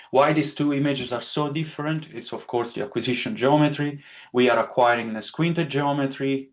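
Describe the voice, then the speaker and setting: An Italian-accented man gives a technical webinar lecture over a video call. His pitch sits in a middle range, and he explains step by step, with frequent fillers. The audio has the slightly dull, lo-fi sound of a call. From Italy. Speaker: webinar speaker.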